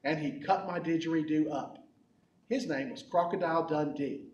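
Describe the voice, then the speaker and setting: A man playing a goofy, bumbling croc-hunting adventurer for a kids' comedy skit, rambling with deadpan jokes. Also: a little high, normal speed, muffled recording, natural voice. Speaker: children's ministry skit character. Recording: echoey hall from far off.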